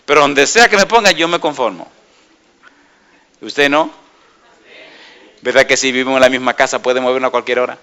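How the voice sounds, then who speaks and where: A middle-aged man preaching a sermon, animated and often asking the congregation questions. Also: mid-range voice, a little fast, pauses often, smooth. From Dominican Republic.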